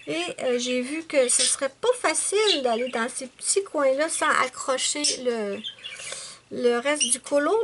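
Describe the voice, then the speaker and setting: A woman with a Québécois accent, chatting casually and rambling warmly to her viewers as she shows her finished coloring pages. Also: sits high. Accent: Quebec French. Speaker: adult coloring channel host. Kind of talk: casual show-and-tell chat. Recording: clear steady background noise.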